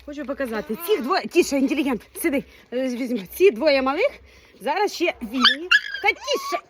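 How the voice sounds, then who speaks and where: Lively high-voiced woman cooing at puppies. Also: fairly quick, background noise. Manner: playful baby talk to dogs, laughing. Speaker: dog breeder. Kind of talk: casual vlog talking to puppies.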